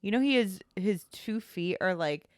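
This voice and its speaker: A woman co-hosts a podcast in a loose, chatty way, full of "like" and quick reactions. Her voice moves a lot in pitch and sounds animated, and the recording is dry and close to the mic. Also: no room sound. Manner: chatty, lots of "like" fillers, lively reactions. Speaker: podcast co-host. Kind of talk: casual chat.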